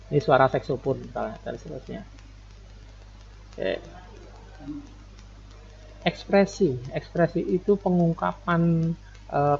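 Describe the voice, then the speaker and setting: Male music teacher, patient lecture, fairly high voice, muffled recording. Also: creaky. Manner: patient, explanatory, sings short phrases to demonstrate. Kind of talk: classroom lecture explaining slides.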